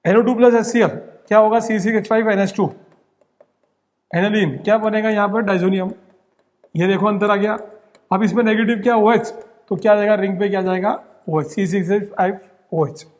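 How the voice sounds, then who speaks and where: A young man with a high voice, runs through exam-prep chemistry rapidly and keeps checking in with his students. His voice carries a long reverb, as if lecturing in a large hall. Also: steady tone, darkish tone. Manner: rapid, drilling, repeats "ठीक" and "बहुत simple". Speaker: chemistry teacher.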